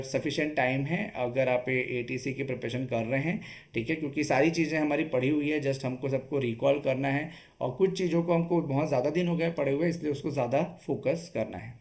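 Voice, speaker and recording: Pitched slightly above the typical male range and touched with vocal fry, this man from Chhattisgarh, India, works as an exam coach. His talk on exam strategy is explanatory, walking through every step and dotting it with short check-in tags.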